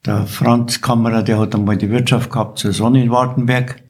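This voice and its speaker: This is an octogenarian Bavarian man, a local veteran appearing as a podcast guest, reminiscing casually in his regional accent. His medium-pitched voice holds a level tone at a moderate pace.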